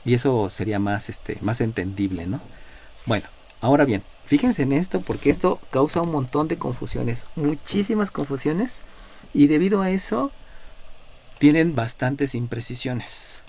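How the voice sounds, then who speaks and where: A man with a Mexican accent teaches a live math class at a middle pitch. He explains step by step, checks in often with his students and calls on them by number. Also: expressive, moderate pace, a little mellow, slight background noise. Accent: Mexican Spanish.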